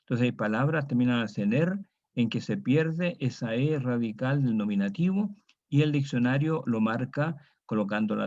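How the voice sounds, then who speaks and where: A man with a mid-range, somewhat dark voice teaches a Latin grammar lesson, patiently drilling students through declensions and checking in with them often. The recording is dull and lo-fi.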